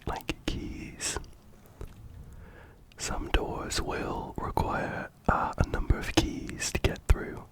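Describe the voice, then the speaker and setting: A man with a cold and blocked nose, whispering gameplay commentary ASMR close to the mic, ear to ear. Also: takes it slowly. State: stuffy nose from a cold, breathing through the mouth. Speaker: ASMR gaming channel host. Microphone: close binaural mic, ear to ear.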